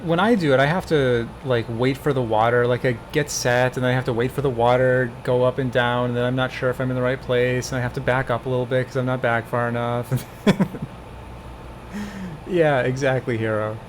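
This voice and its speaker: A man's voice: mid-range voice, steady tone, brisk, slight background noise. A man in his twenties streaming, casually coaching a speedrun step by step and laughing often. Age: 20s. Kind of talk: casual gameplay chat.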